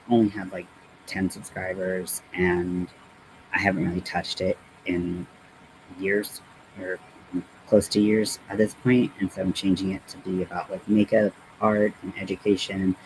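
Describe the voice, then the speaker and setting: A man hosting a livestream, chatting casually in a halting, rambling way. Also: low-pitched. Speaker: livestream host. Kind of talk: casual chat. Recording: clearly noisy background.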